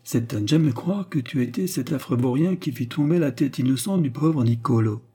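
A man's voice: mid-range voice, fairly quick, warm tone, slightly rough. A man voicing a scheming older criminal mastermind with a mocking, disdainful manner.

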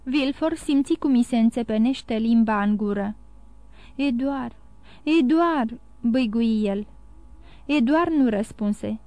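A woman's voice: on the high side, mellow, no echo. Woman narrating a classic novel. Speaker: audiobook narrator.

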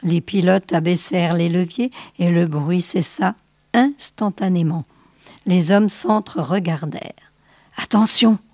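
A woman's voice: lowish voice, unhurried, mellow, dry recording. Woman reading a novel aloud, dry sound. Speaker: reader.

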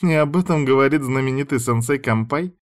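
A man's voice: mid-range voice, a little fast, voice pushed up, lightly acted. A man voicing a teasing, sly young blonde woman who drawls her mocking lines in a raised voice.

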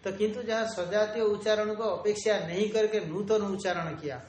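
A man teaching a traditional Vedanta lesson, explaining slowly, repeating key terms and drawing out Sanskrit quotations. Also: high voice, steady tone, slight background noise. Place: ashram room. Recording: echoey room, faint ambience.

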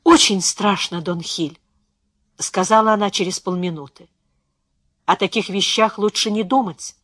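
A woman reading the part of a quiet, hesitant young woman in an audiobook, softly spoken. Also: medium pitch, measured pace, husky, dry recording, clean studio sound. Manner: soft, hesitant.

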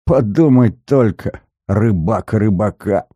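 A man voicing a wounded, bleeding young man who speaks hoarsely in frantic, groaning outbursts. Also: on the low side, animated, slow pace, dark tone, no echo, clean studio sound, heavily acted.

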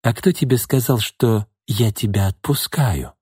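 A man's voice: unhurried, darkish tone, slightly rough, no room sound, studio quality. A man reading an audiobook voices a smug, menacing middle-aged thug who mocks and threatens. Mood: sneering. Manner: sneering, mocking, low menacing threats.

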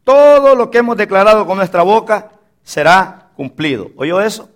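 A man's voice: high-pitched, sing-song, moderate pace. A male pastor preaching from a church pulpit, emphatic and leading the congregation in call-and-response. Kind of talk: sermon.

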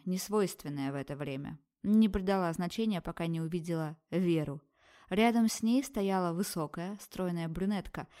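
A woman narrating a first-person novel aloud in brisk, vivid audiobook style. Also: fairly low pitch, mellow.

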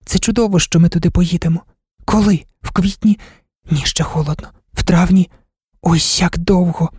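A man's voice: high-pitched, steady tone, normal speed, a little mellow, husky, no echo, studio quality, pitched above the performer's own voice. A man reading an audiobook, voicing a dreamy, impulsive young woman in love with an eager, tender manner.

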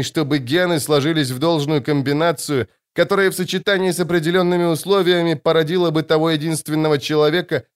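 A man voicing a defiant, commanding young male leader in an audiobook reading, declaiming with a raised, forceful voice. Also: on the high side, pitched above the performer's own voice, natural voice.

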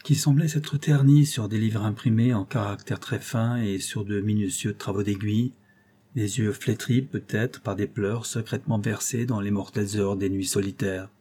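A man reading a classic novel aloud as narrator, in a measured storytelling delivery. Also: on the low side, fairly even intonation, mellow, slightly rough. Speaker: audiobook reader.

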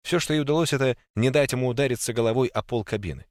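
A man's voice: medium pitch, rapid-fire, no room sound, clean studio sound. A man narrating a first-person story expressively and voicing every character himself. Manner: expressive, voices all characters. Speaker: audiobook narrator.

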